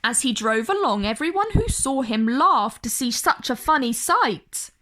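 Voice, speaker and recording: With a high-pitched, somewhat bright voice and lively intonation, a woman storyteller reads a picture book for kids at an unhurried pace. She talks directly to her young audience, giving the words dramatic emphasis.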